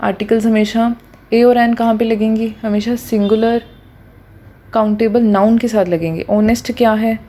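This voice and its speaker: A woman's voice: on the high side, fairly even intonation, normal speed, dark tone. A woman teaching English grammar in a patient, explanatory way, repeating key points and checking in with her listeners often. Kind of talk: explanatory lesson.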